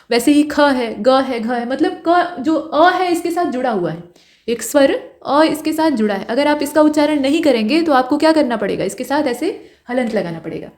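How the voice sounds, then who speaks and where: A woman teaching an online exam-prep grammar class, patiently explaining and slowly sounding out vowels and letters as examples. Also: high voice, darkish tone. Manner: explains patiently, checks understanding with "ठीक है".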